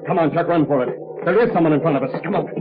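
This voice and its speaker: A man playing Captain Midnight, a calm and commanding adult hero, in 1940s radio acting from an old broadcast. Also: on the high side, racing, narrow, tinny audio, music in the background, close to an everyday voice. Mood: urgent. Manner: steady, commanding. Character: brave adult male hero, calm leader.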